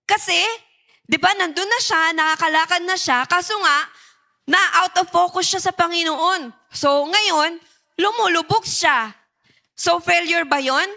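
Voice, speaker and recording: Woman youth preacher, high voice, engages the crowd with questions. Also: pushed and bright. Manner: engaging, asks the audience questions. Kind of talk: sermon.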